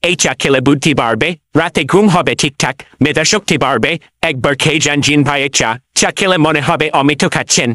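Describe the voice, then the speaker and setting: Cheeky, bright-voiced Mullah Nasruddin, played by a man. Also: a little high, brisk, no room sound, studio quality. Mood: hawking. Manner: wheedling, boastful, playful. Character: cheeky, self-assured male folk trickster mullah.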